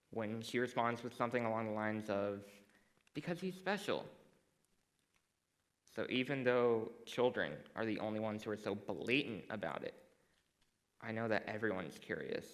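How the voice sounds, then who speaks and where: A teenage boy giving a prepared stage talk to a school audience, measured and dry, with a self-deprecating sense of humor. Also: on the low side, fairly bright tone, low-quality recording. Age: teens. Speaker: student speaker.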